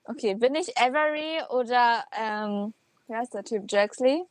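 A woman's voice: a little high, measured pace, no room sound. Young woman, casual podcast chat, teasing, exasperated, dry sound. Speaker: co-host playing a guessing game.

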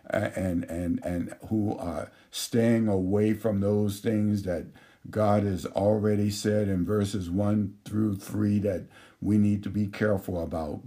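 A man's voice: fairly low pitch, warm tone. A man preaching a sermon, reading scripture aloud and explaining it verse by verse with frequent restarts. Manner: slow, measured teaching with frequent restarts. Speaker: pastor.

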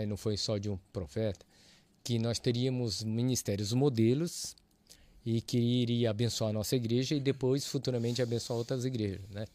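A man, a church audio ministry leader, telling his testimony as a guest in a casual way and acting out both sides of each exchange. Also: mid-range voice. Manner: lively, acts out both sides of dialogues.

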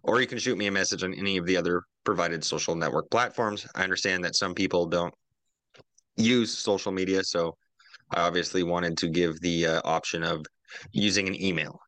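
A man's voice: low voice, fairly even intonation, brisk, fairly bright tone, no room sound. A man hosting a podcast in a laid-back, casual way, swearing freely as he talks. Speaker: podcast host.

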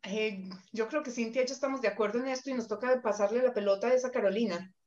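A woman's voice: on the high side, fairly even intonation, fast, darkish tone. A woman from Colombia with a Colombian accent, hosting as an immigration consultant and thinking aloud as she talks. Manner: thinks aloud, searches for words. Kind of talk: casual chat. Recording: roomy, dull call audio.

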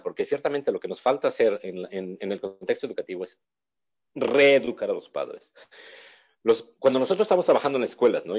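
A man's voice: mid-range voice, darkish tone, slightly rough. A man speaking as a guest expert, explaining at length with hesitant restarts and acting out short quotes of children and parents. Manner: hesitant restarts with filler words. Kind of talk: explanatory interview talk. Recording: slightly dull lo-fi audio.

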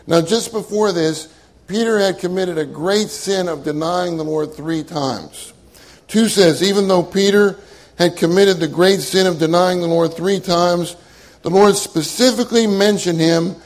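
A man's voice: high-pitched, a little slow, poor audio. A man preaching a sermon to a congregation, earnest and emphatic, often repeating key phrases for weight. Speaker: minister.

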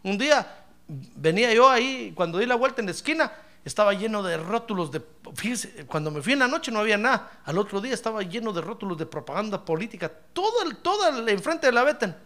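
A middle-aged man preaching a sermon as pastor, telling stories and calling his listener brother, swinging from hushed asides to loud praise. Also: high voice, brisk. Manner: animated storytelling, addresses listener as brother, swings from hushed to shouting. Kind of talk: sermon with anecdotes.

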